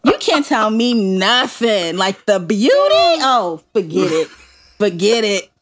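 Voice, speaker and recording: A woman's voice: mid-range voice, unhurried, slight background noise. A woman co-hosting a podcast in casual, playful chat, laughing often. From New York. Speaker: podcast co-host.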